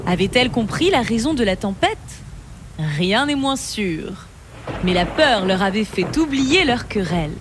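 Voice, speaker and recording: A woman narrating a children's story in an expressive, melodic reading. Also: fairly high pitch, background noise. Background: background music.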